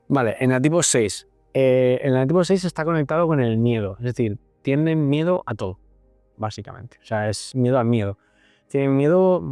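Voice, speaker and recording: A man talks through personality types in a patient, explanatory way, often checking in with little tag questions. His voice is smooth and clear, recorded close and dry, with faint music underneath. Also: mid-range voice, warm tone, no room sound. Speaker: psychologist, podcast host. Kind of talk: explanatory casual talk.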